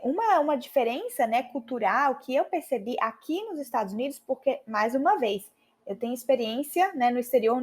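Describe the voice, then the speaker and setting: Brazilian lady teaching english on her podcast, high voice, chatty, slows down to repeat phrases. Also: darkish tone. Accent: Brazilian Portuguese. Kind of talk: podcast language lesson.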